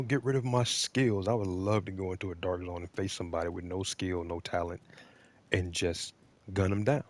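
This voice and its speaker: A man giving blunt, opinionated, defensive off-the-cuff commentary as a video game creator, with halting, emphatic phrasing. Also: on the low side, darkish tone.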